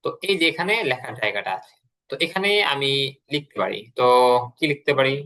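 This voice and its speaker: A man leads an online English class over a computer mic. His voice is bright and sits at a middle pitch. He talks patiently and repeats words slowly so the learners can follow. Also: big pitch swings, vocal fry, poor audio. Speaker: English teacher.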